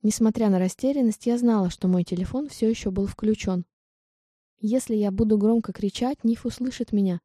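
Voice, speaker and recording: A woman reading a first-person audiobook in an even, steady storytelling manner. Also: medium pitch, moderate pace, dry recording, studio quality. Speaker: audiobook narrator.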